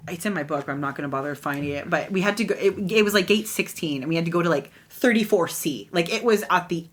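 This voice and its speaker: A woman podcast co-host with a lowish voice talks fast as she tells a long personal story in casual chat. She's an animated storyteller, acting out the voices of the people she quotes.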